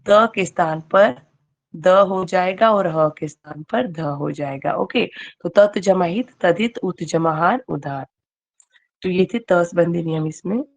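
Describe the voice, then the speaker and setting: A woman's voice: fairly low pitch, a little slow, highs cut off. A woman teacher giving an online grammar class. She keeps quizzing her students and checks in with "okay" as she goes.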